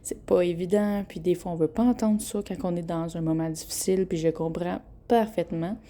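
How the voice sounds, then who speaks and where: Young woman, Québécois accent, frank chatty podcast host, laughs a lot, stumbles on words, lowish warm voice. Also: fairly even intonation, brisk. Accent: Québécois French. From Quebec. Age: 20s. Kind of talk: casual solo podcast monologue.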